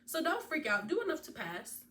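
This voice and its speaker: A woman's voice: sits high, fairly quick. A woman in her twenties, a veterinary student, giving chatty, casual advice straight to her viewers. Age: 20s. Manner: chatty, animated, speaks directly to viewers. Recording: distant mic with faint background noise.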